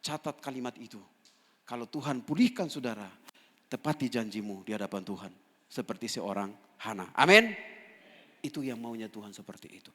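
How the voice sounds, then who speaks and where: A pastor from East Nusa Tenggara preaching a sermon, telling stories with emphatic rises and quiet asides. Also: male voice, medium pitch, expressive, fairly quick. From East Nusa Tenggara, Indonesia. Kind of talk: sermon with storytelling. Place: church. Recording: church hall reverb.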